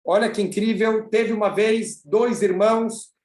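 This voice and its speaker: A man with a Brazilian accent, a rabbi teaching a religious class over a video call, who explains in an animated storytelling way. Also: high-pitched, unhurried, reverberant.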